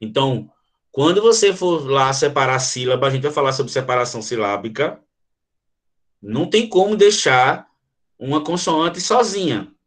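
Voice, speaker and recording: A man's voice: mid-range voice, animated, moderate pace, fairly bright tone. A man teaching language in a live online lesson. He demonstrates the sounds himself, keeps checking in with his viewers and answers their comments as they come in. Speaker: Portuguese teacher.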